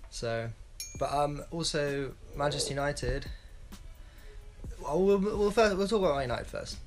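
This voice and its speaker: Unhurried and on the high side, this male voice carries over faint background music. A young football pundit in his twenties, he rambles bluntly in a casual solo vlog from a small home room, speaking into a wired earphone mic.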